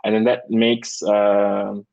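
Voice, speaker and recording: A man's voice: fairly low pitch, slow pace, creaky, highs cut off. A young man from Malawi, a tech guest speaking casually in an interview with lots of fillers. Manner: relaxed, many fillers like "like" and "um".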